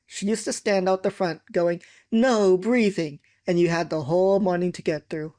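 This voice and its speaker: Expressive reader of children's poems. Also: medium pitch, brisk. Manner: expressive, acting out the lines. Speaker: poetry reader. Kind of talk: reading children's poems aloud.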